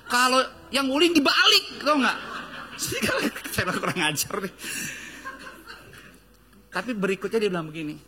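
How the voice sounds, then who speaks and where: A male pastor with a Jakarta Indonesian accent preaching a lively, joking sermon full of storytelling and acted-out quotes. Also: high-pitched, breathy edge. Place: church stage.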